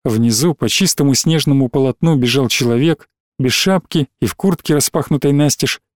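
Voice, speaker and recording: A man narrating an audiobook in a steady, dramatic reading style. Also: mid-range voice, normal speed, no echo, clean studio sound.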